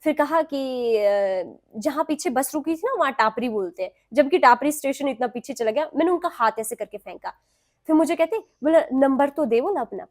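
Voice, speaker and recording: A young adult woman from Himachal Pradesh, a guest on a talk show, telling a personal story in an animated way and acting out what others said. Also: high voice, moderate pace. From Himachal Pradesh, India. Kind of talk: recounting a personal story in an interview.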